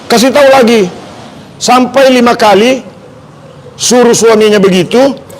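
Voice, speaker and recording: A man's voice: very high voice, unhurried, slight background noise, poor audio. A man with an Indonesian accent demonstrating reflexology massage on a live stream, chatty and joking as he repeats each instruction.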